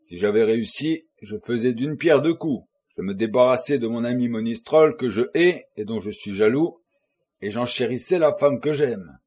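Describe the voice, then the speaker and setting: A man's voice: medium pitch, normal speed, darkish tone, husky, natural voice. A man voicing a cynical young murderer who brags about his crime. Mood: boastful. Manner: boastful, bitter.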